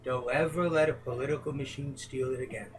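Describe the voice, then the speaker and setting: A man's voice: mid-range voice, steady tone, fairly quick, background noise. A man answering interview questions as a presidential hopeful in a casual home chat, earnest and emphatic.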